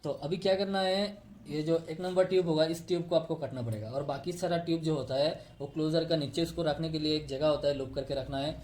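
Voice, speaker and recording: A man's voice: a little high, steady tone, quick pace, darkish tone, slight background noise. A man explaining step by step how fiber optic cables are tapped and connected, pointing to a diagram he drew. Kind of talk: technical tutorial.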